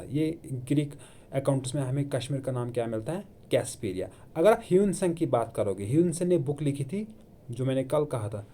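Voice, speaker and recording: An exam coaching teacher, a man with a mellow voice on the high side, gives an online video lecture on history for exam prep in Hindi mixed with English terms. He asks questions, answers them himself, and repeats key terms.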